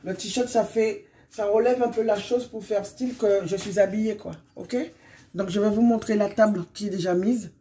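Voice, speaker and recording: Hoarse middle-aged woman from guadeloupe rambling in her vlog, warm mellow voice, faint background hiss. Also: mid-range voice, fairly even intonation, moderate pace. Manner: chatty and rambling, often sums up with "donc voilà". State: hoarse from illness. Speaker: vlogger. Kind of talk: casual vlog chat.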